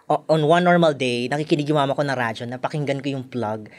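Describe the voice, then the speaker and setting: A man who works as a radio DJ, chatting casually and telling his story with animated energy. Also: mid-range voice, fast talker. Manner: animated storyteller, mixes Tagalog and English. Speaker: radio DJ and podcast guest. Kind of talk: casual chat.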